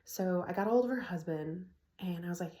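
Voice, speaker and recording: A woman's voice: lowish voice, brisk, dark tone, reverberant. A middle-aged woman casually telling a personal story to her phone camera, laughing often as she talks. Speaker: vlogger. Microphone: phone propped on an ironing board.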